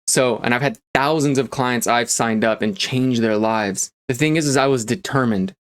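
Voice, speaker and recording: A man with an average-pitched voice talks as a motivational coach, casual and full of energy. He leans hard on his points, scatters fillers through his speech and swears now and then for punch. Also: normal speed, clean tone. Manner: energetic and emphatic, filler-heavy, swears for emphasis.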